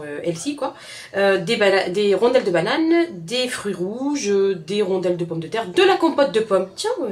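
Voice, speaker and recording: In a home kitchen with slight background noise, a woman with a mid-range voice and a Southern French accent demonstrates a recipe. Her casual cooking tutorial is chatty, aimed straight at her viewers, and full of repeated words.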